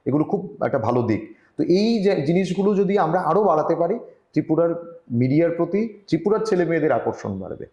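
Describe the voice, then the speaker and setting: A man from Tripura, India, giving earnest advice as a journalist guest in an online interview, often pausing and restarting. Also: fairly high pitch, big pitch swings, warm tone, echoey room, highs cut off. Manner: earnest, advising, with frequent hesitations. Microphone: video call.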